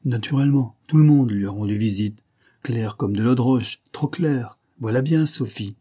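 A man voicing a gruff, boastful aging police commissioner in an audiobook, speaking raised and emphatic with a sardonic edge. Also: medium pitch, normal speed, warm tone, natural voice.

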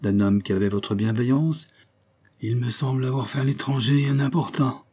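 A man voicing a ragged young ensign, just escaped from captivity, who speaks with halting, wounded pride. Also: medium pitch, a little mellow, slightly rough, pitched above the performer's own voice, lightly acted.

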